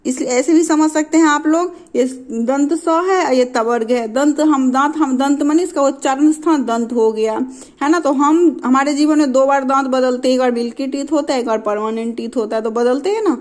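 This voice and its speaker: A woman's voice: high-pitched, darkish tone. A woman teaching a grammar lesson. She repeats each term and example, asks questions and answers them herself, and keeps checking that her students are following. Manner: repeats terms and examples slowly for learners.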